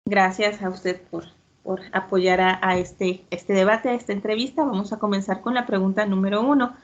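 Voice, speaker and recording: A woman moderating an online debate, explaining in a measured way with frequent fillers. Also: mid-range voice, fairly even intonation, dull audio.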